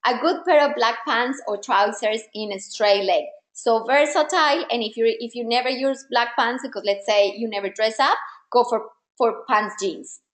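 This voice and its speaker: Teaching women in a live online masterclass, a style coach who is not a native English speaker offers direct encouragement. She talks at a normal speed in a fairly high voice, and the sound is roomy.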